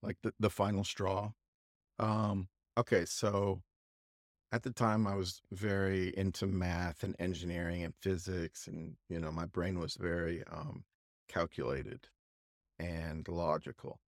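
A low-pitched man tells a long, rambling story on a podcast, stopping and restarting as he goes. His voice sounds close and dry, with no room around it. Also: flat delivery, no echo. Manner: rambling, halting anecdote with restarts. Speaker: podcast co-host. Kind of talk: casual storytelling chat.

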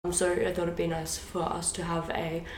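A woman's voice: on the low side, completely flat delivery, fairly quick. A young woman co-hosting a podcast, talking loosely with lots of ums and laughing often. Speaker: podcast co-host. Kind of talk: casual chat. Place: home room, not a studio. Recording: echoey room, faint noise.

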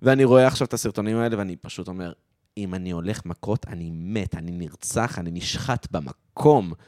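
A man co-hosting a podcast who talks in a relaxed, conversational way and teases his co-host. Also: low-pitched, no room sound, studio quality. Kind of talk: casual chat.

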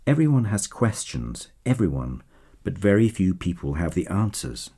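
A man's voice: low-pitched, very animated, normal speed, mellow, slightly rough, full character voice. A man reading the lines of a cheerful young male scientist in a story. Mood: upbeat.

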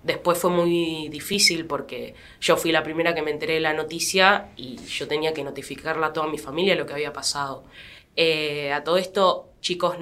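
A young adult woman with an Argentine accent, speaking as an interview guest in a quiet, reflective way with fillers and restarts. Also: low-pitched. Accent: Argentine Spanish. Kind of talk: personal testimony in a podcast interview.

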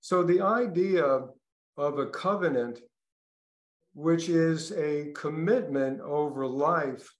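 An older man with a Brooklyn accent, a podcast guest speaking reflectively with pauses and restarts. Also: a little high, reverberant. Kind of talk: podcast interview.

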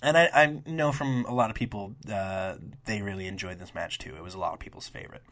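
Young male podcast host with a lowish voice, casual and profane, rambling into rants. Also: a little fast, fairly bright tone. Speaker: podcast host reviewing wrestling shows. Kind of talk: casual solo review podcast.

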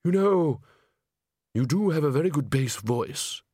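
A man voicing a fussy older man who has just become a ghost, in a high, startled and indignant voice. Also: expressive, measured pace, warm tone, husky, no echo, studio quality.

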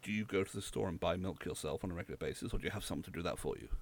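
A man's voice: low-pitched, very fast. A young man from rural England, co-hosting a podcast in casual, rambling chat. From Southwest England. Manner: rambling, hesitant, explains at length. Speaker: podcast co-host.

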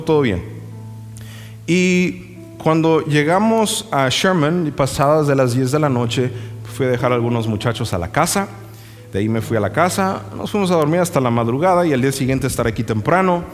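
A male pastor preaching a sermon, moving between impassioned emphatic lines and folksy storytelling asides. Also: medium pitch. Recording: reverberant hall with faint music.

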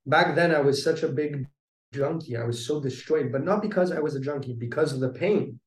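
A man's voice: on the high side, brisk, reverberant, far from the mic. A man telling a personal story of recovery in conversation, earnest and reflective, with many restarts.

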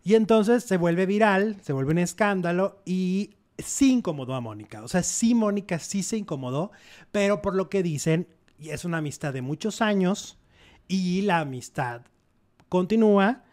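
Animated Mexican man dishing gossip. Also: high-pitched, normal speed. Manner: animated, dramatic, acts out quotes with exclamations. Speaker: entertainment show co-host. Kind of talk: casual gossip chat.

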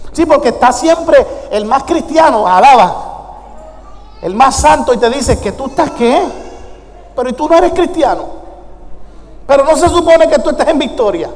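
Pastor de voz aguda con eco de iglesia. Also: male voice, extremely high pitch, a little mellow. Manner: emphatic preaching with questions to the congregation. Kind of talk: sermon. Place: church sanctuary. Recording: long church hall reverb.

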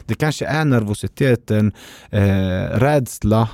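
A man's voice: mid-range voice, a little mellow, no room sound. A man co-hosting a podcast, telling his own experiences candidly and often quoting his own thoughts. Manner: candid, personal storytelling with quoted self-talk. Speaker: podcast co-host. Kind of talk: casual conversation.

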